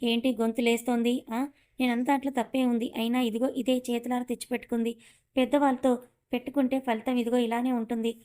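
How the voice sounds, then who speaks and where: Lady doing a mean mocking auntie, scolds a lot, kinda high, flat voice. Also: fast, lightly acted.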